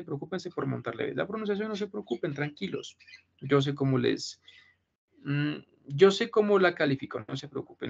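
Gravelly teacher on a call. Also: male voice, mid-range voice. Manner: reassuring, repeats himself, keeps checking with "¿listo?". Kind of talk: online class talk to students. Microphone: video call. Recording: muffled video call audio with faint noise.

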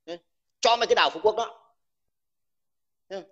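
Fiery, abusive veteran on a dull recording. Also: male voice, high-pitched, normal speed, bright, forceful tone. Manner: combative, insulting, addresses the listener with crude terms; stammers and repeats words when heated. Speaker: army veteran speaking out online. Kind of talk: angry livestream rant.

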